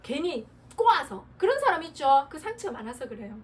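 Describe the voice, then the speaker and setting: A woman's voice: high voice, very animated, brisk. A woman pastor delivering an earnest Sunday sermon, sometimes laughing as she acts out prayers. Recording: distant mic with faint noise.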